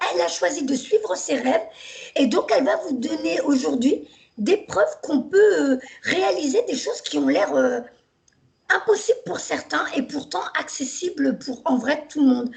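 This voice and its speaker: A woman host introducing a guest speaker, pausing with fillers. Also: sits high, animated, vocal fry.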